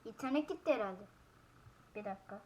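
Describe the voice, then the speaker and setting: A woman giving casual gameplay commentary as a YouTuber, frustrated and swearing loudly at the game. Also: mid-range voice, animated, fairly quick, slight background noise. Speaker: gaming YouTuber. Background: loud game music.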